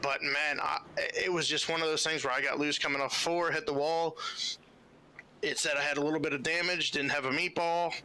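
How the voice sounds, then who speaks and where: Male driver, very bright and tense tone, a bit high, rambling, apologetic. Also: steady tone, fairly quick. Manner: apologetic, rambling, says "man" and "dude" a lot. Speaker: racing driver. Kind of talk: casual chat on a race broadcast.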